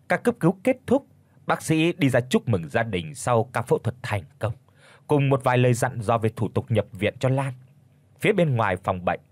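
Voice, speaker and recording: A male audiobook narrator with a husky, expressive voice whose pitch moves a lot. The recording is dry and close. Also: dry recording. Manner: expressive storytelling. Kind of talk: scripted story narration.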